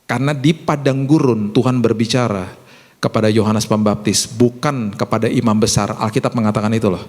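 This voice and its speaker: A middle-aged man preaching a sermon as a pastor, conversational and animated, acting out quoted voices and rising high when he stresses a point. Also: a little fast. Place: church hall. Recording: preaching in a hall with long reverb.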